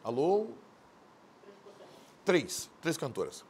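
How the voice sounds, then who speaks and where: Loud tv host guy, mocks and yells, high voice that swoops all over. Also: sing-song, extremely slow, a little hiss or hum. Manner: loud, mocking, sometimes shouting; acts out quoted voices. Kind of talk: brash TV studio commentary.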